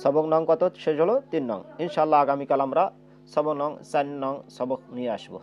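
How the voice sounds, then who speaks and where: Higher-voiced man teaching in dull lo-fi sound. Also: fairly quick, a little mellow, soft background music. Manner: asks questions and answers them himself. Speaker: Quran reading teacher. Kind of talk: step-by-step lesson with drawn-out letter demonstrations.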